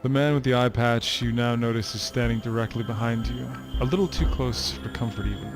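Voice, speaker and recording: Man, game master, tabletop narration, clear music behind. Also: medium pitch, fairly quick.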